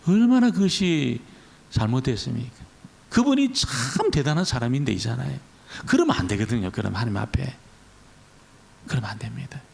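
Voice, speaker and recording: A man's voice: medium pitch, big pitch swings, fairly quick, vocal fry, slightly rough. A male pastor giving a conversational Friday prayer meeting sermon, repeating key words for emphasis. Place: church.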